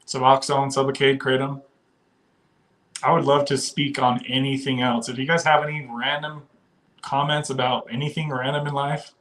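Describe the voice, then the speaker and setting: Loose, laugh-filled chatter and viewer comments read aloud make up this casual livestream, hosted by a man from the western US. His voice is medium-pitched and a bit bright.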